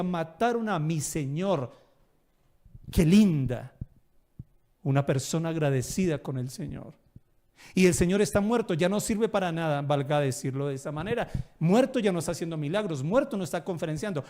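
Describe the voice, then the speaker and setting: A man's voice: high-pitched, darkish tone. A man pastor preaching a sermon, telling stories with acted dialogue and emphatic bursts.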